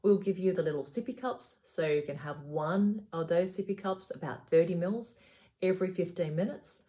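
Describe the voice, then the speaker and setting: A woman's voice: fairly low pitch, normal speed, mellow. A woman speaking as a surgeon, giving patients instructional advice in a matter-of-fact, reassuring way.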